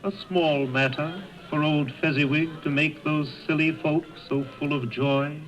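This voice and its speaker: An actor voicing a solemn, commanding ghost guide in a radio drama, speaking formally and putting grave, measured questions. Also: male voice, a little high, fairly even intonation, close to an everyday voice. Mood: probing, challenging. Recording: muffled radio broadcast with music underneath.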